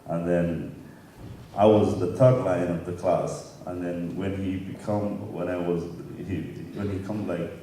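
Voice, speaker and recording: A man's voice: low-pitched, steady tone, unhurried, mellow. A man in his thirties from Somalia with a Somali accent, telling stories animatedly on stage and laughing often as he acts out voices. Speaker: keynote guest musician. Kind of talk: onstage interview storytelling. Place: conference hall stage. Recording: roomy hall sound from far off, faint noise.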